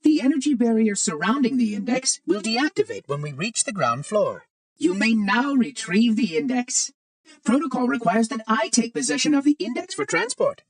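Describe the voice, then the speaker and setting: Heavily acted and very high-pitched, a man's voice plays a fussy, prim old robot monitor in a video game, brisk and polite with a formal, exact, strangely cheery manner. Light robotic processing is applied, and the distant-mic recording has no room sound.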